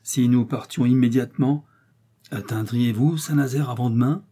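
A man's voice: mid-range voice, moderate pace, mellow, slightly rough, natural voice. A man reading a storybook voices an impulsive, determined young woman who asks urgent questions.

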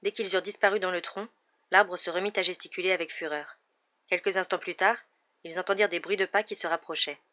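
A woman narrating an audiobook with a steady, measured reading. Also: on the low side, highs cut off.

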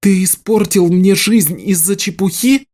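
A man reading aloud and voicing a fierce young village woman who shouts in outrage. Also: high-pitched, unhurried, voice pushed up. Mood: furious.

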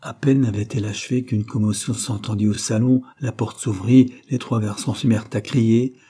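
Low husky-voiced male narrator. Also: fairly even intonation, normal speed, dark tone. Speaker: audiobook narrator. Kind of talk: audiobook narration.

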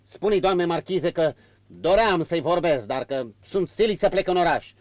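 Man voicing an enraged jealous marquis, barking orders, high strained shouts, dry dull sound. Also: expressive, no echo, natural voice. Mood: curt. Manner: shouting harshly. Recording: dull lo-fi audio.

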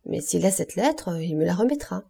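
Jovial middle-aged shipowner, read by a woman, cordial and exclamatory; dark, husky tone. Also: on the low side, animated, normal speed, full character voice. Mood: friendly. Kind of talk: audiobook reading.

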